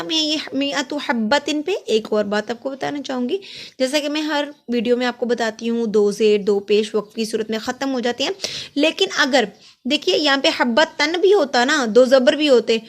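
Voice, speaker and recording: A woman teaching tajweed, patiently explaining each letter and rule step by step between slow recited words. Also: high-pitched. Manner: chants drawn-out Arabic recitation.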